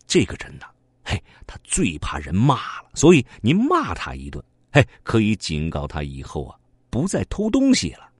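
A man's voice: huge pitch swings, normal speed, husky, no echo, full character voice. A man voicing a whiny male duck thief who yelps and pleads. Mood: wheedling. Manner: high yelping wails and wheedling.

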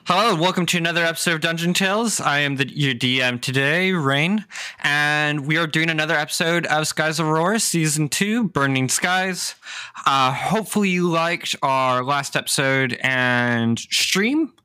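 A man running a tabletop game with a bright, crisp voice and upbeat, chatty energy. He keeps things light as game master, and the sound is dry and close to the mic. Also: a little high, moderate pace, no echo. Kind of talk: hosting and narrating a tabletop game.

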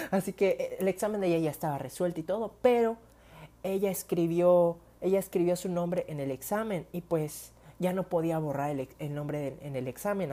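A young woman with a Mexican Spanish accent, casually telling stories to her viewers in a chatty, slang-heavy way. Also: lowish voice. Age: young adult. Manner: chatty, slangy, animated retelling with whispered asides. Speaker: vlogger. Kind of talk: casual storytelling to camera.

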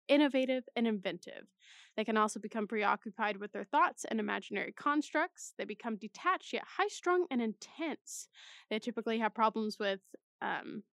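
A woman's voice: a little high, no room sound, clean studio sound. A young woman in college reading personality test results aloud in a casual way, with chatty, self-mocking asides. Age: young adult. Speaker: vlogger.

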